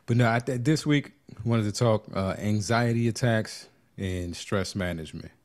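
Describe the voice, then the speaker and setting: A man's voice: on the low side, moderate pace, darkish tone. A man co-hosting a podcast who is out of breath, speaking openly and with self-deprecating humor. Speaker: podcast co-host leading a health segment. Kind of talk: casual chat.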